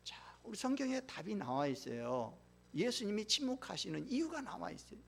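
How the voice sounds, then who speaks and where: High, animated Korean pastor preaching. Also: male voice, brisk, creaky, husky. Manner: emphatic, acts out biblical speakers' pleas. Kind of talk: sermon. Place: church sanctuary.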